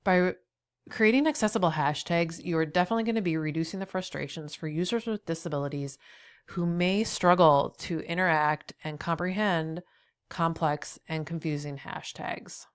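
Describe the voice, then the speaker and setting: Speaking at a moderate pace in a smooth, fairly low voice, a middle-aged woman with a head cold and slight nasality leads a tutorial video as an accessibility trainer. She encourages the viewer directly, frequently saying "right?", and the recording is dry.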